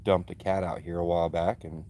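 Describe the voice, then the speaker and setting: A man with a monotone voice, hosting a casual live stream from his phone by a backyard fire and answering chat with easygoing fillers. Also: deep voice, brisk, a little hiss or hum. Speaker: livestream host. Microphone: phone, streaming from mobile.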